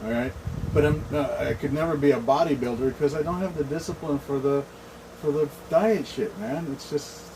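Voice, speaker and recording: A man's voice: on the high side, normal speed. A middle-aged man bantering casually as a show host, blunt, opinionated and freely swearing. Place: shed. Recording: clear steady air-conditioner noise.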